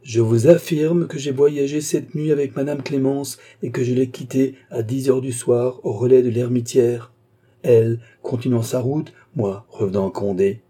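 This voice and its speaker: A man's voice: medium pitch, fairly even intonation, moderate pace, mellow, breathy edge, close to an everyday voice. Man doing an earnest, resolute young suitor. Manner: earnest, firm.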